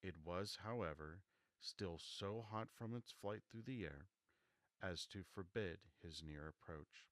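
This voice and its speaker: A man with a soft voice narrating a classic novel as an audiobook. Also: sits low, unhurried, no room sound.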